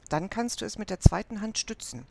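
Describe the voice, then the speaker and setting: Eine Frau, die in einem Hörbuch einen jungen, beschützenden Ritter spricht, leise und drängend. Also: female voice, medium pitch, expressive, a little fast, creaky, heavy background noise. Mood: hushed urgent. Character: young male knight, protective and urgent.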